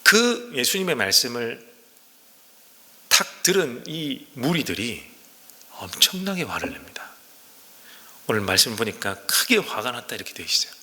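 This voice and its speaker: A man preaching to his congregation with a bright, forceful voice that swings widely up and down. His delivery is emphatic and full of rhetorical questions, and his voice rings out in a church sanctuary with a long hall reverb. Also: medium pitch, very animated, normal speed, pauses often. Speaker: pastor. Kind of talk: sermon.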